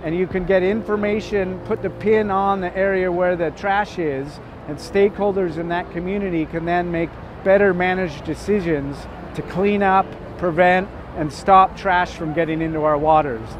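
A man's voice: sits high, fairly even intonation, moderate pace. A young man speaking earnestly outdoors in a busy city square for a promo video, with music playing over it. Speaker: interviewee. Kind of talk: scripted promo testimony. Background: music and traffic.

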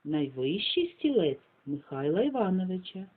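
A woman's voice: lowish voice, sing-song, moderate pace, narrow, tinny audio. A woman kindergarten teacher reading a fairy tale aloud with dramatic expression, then quizzing the children on it.

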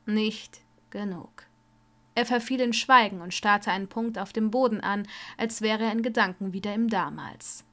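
A woman reading a fan fiction audiobook with steady storytelling narration. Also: medium pitch, moderate pace, hardly any pauses. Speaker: audiobook reader.

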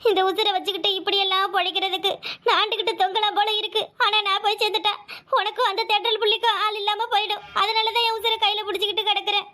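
A woman's voice: extremely high pitch, level tone, fast talker, bright, forceful tone. A woman doing a lamenting, weary village mother. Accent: southern Tamil Nadu. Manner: complaining and lamenting. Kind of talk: cartoon voice acting.

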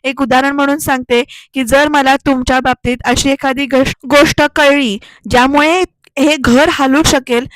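A woman's voice: sits high, steady tone, moderate pace, no echo. A woman giving a casual spoken recap of a TV serial episode, chatty and full of filler words, talking straight to her viewers. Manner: chatty, with frequent filler particles; addresses viewers directly. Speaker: serial recap voice-over narrator.

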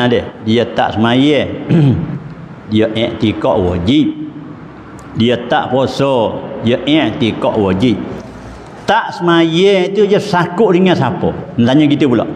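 A man with a Kelantanese Malay accent gives an informal religious lecture, his voice sitting a little high. He talks in a folksy, lively way and keeps throwing questions at his listeners. The sound echoes around a large hall, with a faint hiss under it. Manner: folksy and animated, with chuckles and rhetorical questions. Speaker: religious teacher.

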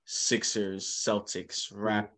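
A man hosting a casual basketball podcast, talking with quick bursts of enthusiasm. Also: fairly low pitch, level tone, a bit bright. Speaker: podcast host. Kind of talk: casual sports chat.

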